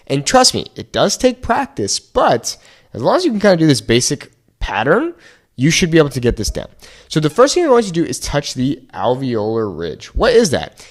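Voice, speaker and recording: A man teaching casually to viewers, explaining things step by step in an encouraging way. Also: mid-range voice. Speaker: Spanish teacher and video host. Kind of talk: casual instructional talk to viewers.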